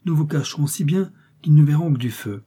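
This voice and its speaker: A man's voice: on the high side, a little fast, dark tone, slightly rough, pitched above the performer's own voice. A man reading the part of a devoted, emotional farmer who speaks effusively to his master. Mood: eager. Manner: tearful, effusive. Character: emotional devoted male farmer, loyal servant.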